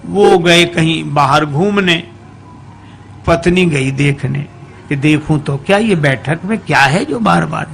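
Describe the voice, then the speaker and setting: A man's voice: a little high, takes it slowly, gravelly, fairly bright tone, soft background music. A man preaching a devotional sermon, telling a folk story folksily and breaking into sung verses.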